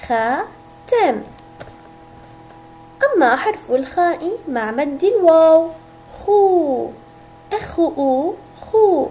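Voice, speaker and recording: A woman teacher giving a recorded reading lesson to young children, sounding out syllables slowly and stretching each word. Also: extremely high pitch, warm tone. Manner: slow, drawn-out syllables, sounding words out. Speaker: kindergarten teacher.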